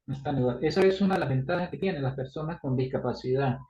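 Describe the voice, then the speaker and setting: A man's voice: medium pitch, quick pace, mellow, reverberant, muffled recording, slight background noise. A man preaching on a Bible passage in a conversational way, full of restarts and tag questions, acting out little dialogues. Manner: acts out dialogue in shifting voices. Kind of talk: Bible study sermon.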